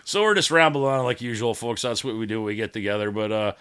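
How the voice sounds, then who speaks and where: A man's voice: fairly low pitch, fast talker, a bit bright, clean tone, no room sound. A man hosting a casual podcast, talking in a rowdy, irreverent, rambling and profane way. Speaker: podcast host.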